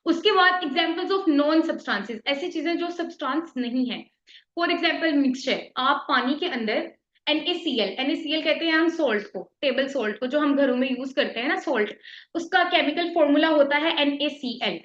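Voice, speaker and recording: In an echoey, slightly dull classroom recording, a woman with a Pakistani Urdu accent patiently lectures on chemistry, slipping in English terms and often checking "theek hai?". Her voice sits high, a bit bright, at a moderate pace.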